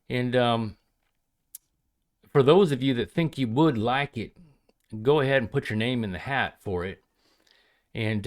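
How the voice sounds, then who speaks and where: A man chatting casually to viewers as a hobbyist crafter, in a folksy, hesitant, rambling way. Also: medium pitch. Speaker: pipe hobbyist and leather crafter showing his work. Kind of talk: casual vlog chat to viewers.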